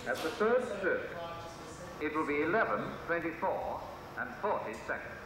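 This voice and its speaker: A man's voice: fairly high pitch, sing-song, a loud crowd. Man's spliced-together talking clock announcements. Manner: measured, formal announcing. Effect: spliced-together recorded words, played back by a talking clock machine. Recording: echoey, distant, noisy playback.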